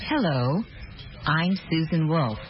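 An actress playing a young female music student in a scripted textbook dialogue, speaking slowly and deliberately. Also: low-pitched, animated. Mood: calm. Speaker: language course dialogue actor. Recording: dull lo-fi course tape.

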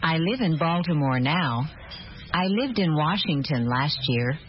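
An actress playing a young female music student in a scripted textbook dialogue, speaking slowly and deliberately. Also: low-pitched, expressive. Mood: calm. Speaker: language course dialogue actor. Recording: dull lo-fi course tape.

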